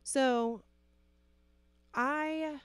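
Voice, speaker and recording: A woman co-host, chatting frankly and laughing easily. Her voice sits a bit high and sounds close and dry, with little room in it. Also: drawn-out words, no echo. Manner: laughs often, talks frankly with mild swearing. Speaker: podcast co-host. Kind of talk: casual chat.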